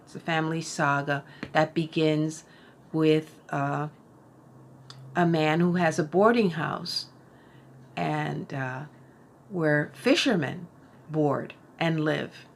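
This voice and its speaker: Middle-aged woman, unhurried booktuber review, thoughtful with fillers; low-pitched, faint room hiss. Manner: slow, thoughtful, with frequent fillers and restarts. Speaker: book vlogger. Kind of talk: casual book review.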